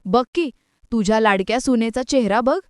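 A woman's voice: fairly high pitch, normal speed, a little mellow, dry recording, studio quality, natural voice. A woman voicing a man who teases and needles others sarcastically. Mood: teasing. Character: teasing mocking man.

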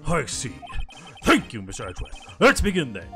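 A man voicing a gruff older male judge in a game playthrough. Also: medium pitch, wildly swooping pitch, fairly quick, pushed and bright, soft background music, heavily acted. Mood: stern.

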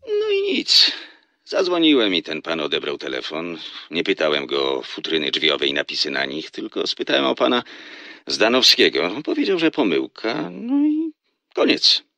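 A man's voice: deep voice, wildly swooping pitch, normal speed, vocal fry, sharp tone, no room sound, heavily acted. An actor playing a flirtatious, teasing salesman in a radio drama who laughs often as he talks on the phone. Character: flirtatious smooth-talking male salesman on phone.

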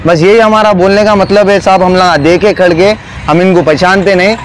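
A man's voice: high-pitched, steady tone, moderate pace, slight background noise. A man from Hyderabad with a Hyderabadi accent, speaking earnestly and pleadingly as an eyewitness in a street interview. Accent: Hyderabadi Hindustani. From Hyderabad, India.

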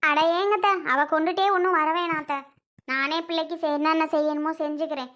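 A hurt, stubborn young wife in a family drama skit, played by a woman with a very high-pitched voice. She pours out her grievances in long, emotional runs. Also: fairly even intonation, fairly quick, fairly bright tone. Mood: bitter. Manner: emotional, resentful, pleading.

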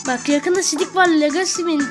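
A gaming video creator rants at the game through her commentary, irritable and swearing constantly, from a small bedroom at home. Her very high voice is brisk and comes over music.

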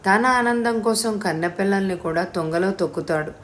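A woman's voice: mid-range voice, normal speed, a little hiss or hum, close to an everyday voice. A woman voicing a hot-tempered, heavyset bald older man who scolds and bullies. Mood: grumbling. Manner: scolding, bullying.

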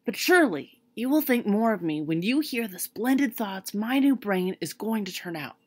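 A woman's voice: mid-range voice, animated, moderate pace, voice pushed up, natural voice. A woman voicing a cheerful, eager male scarecrow of straw, earnest and hopeful, in a storybook reading.

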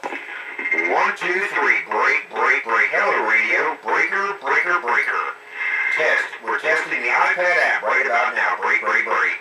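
A man calling out a slow radio mic test, heard over a CB radio receiver in a radio shop. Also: mid-range voice, big pitch swings. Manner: slow, drawn-out test calls. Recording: echoey, distant, noisy radio speaker.

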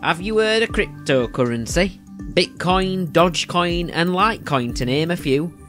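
A Yorkshire man voicing a mock advert announcer, drawing out words in a salesy pitch. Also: animated, normal speed, a bit bright, faint music behind. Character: male advert voiceover hawking a joke product.

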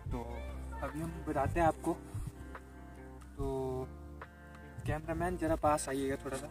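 Young male vlogger, rambling casual talk, recorded from a few steps off with loud music underneath. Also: on the high side, steady tone, unhurried. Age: young adult. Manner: rambling, many filler words. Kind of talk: casual chat. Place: outdoors on a hillside by a motorbike. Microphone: camera held by a helper a few steps away. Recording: distant outdoor camera audio with loud music.

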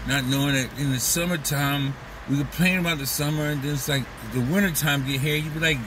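A man's voice: on the high side, steady tone, brisk, far from the mic, noisy background. A man talking through a casual, profane, rambling comedic monologue as a vlog host, slipping into mocking voices. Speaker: vlogger host.

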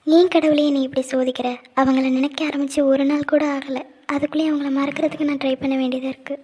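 A woman voicing a lovestruck, anxious young woman in a cartoon who hides her feelings and talks in a quick, chatty, defensive way. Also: high voice, little pitch movement, a little mellow, natural voice. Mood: heartsick. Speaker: cartoon character. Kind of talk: cartoon voice acting.

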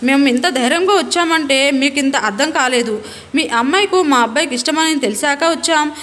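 A woman's voice: high-pitched, fairly quick, fairly bright tone, big-room sound, a little hiss or hum. A woman reading the lines of a confident, cheerful older man in a storybook reading. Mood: assured. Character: confident older man, jovial matchmaking father.

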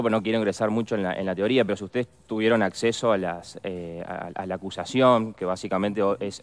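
Deep-voiced lawyer, smooth and resonant. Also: male voice. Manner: deliberate, repeats words while searching for precise phrasing. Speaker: defense lawyer, guest. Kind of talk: measured legal explanation in a studio interview.

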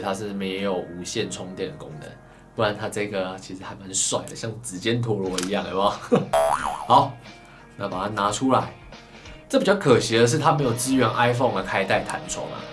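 A man with a Taiwanese Mandarin accent, hosting a casual gadget unboxing review, chatty and full of drawn-out particles, recorded on a camera microphone. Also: fairly low pitch. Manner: chatty, lots of drawn-out sentence-final particles. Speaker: tech reviewer host. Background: background music.

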